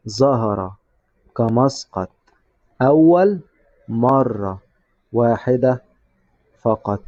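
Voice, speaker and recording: Fast-talking Egyptian math teacher. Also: male voice, medium pitch, dark tone, dry recording, muffled recording. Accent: Egyptian Arabic. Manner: addresses the student directly, repeats and stresses key words slowly. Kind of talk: Egyptian Arabic math lesson.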